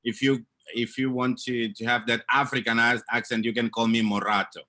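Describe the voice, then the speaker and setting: Angolan guy on a video call, stops and restarts, bright tense voice, mid pitch. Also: level tone, a little fast, no room sound. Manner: hesitant, restarts phrases. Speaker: guest speaker. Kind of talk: casual video-call chat.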